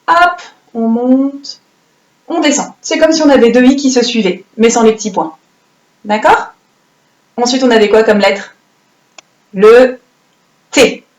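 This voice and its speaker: Patient woman teaching children handwriting. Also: fairly high pitch. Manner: patient, encouraging, dictates slowly with playful sound effects. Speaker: primary school teacher. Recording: roomy echoey room.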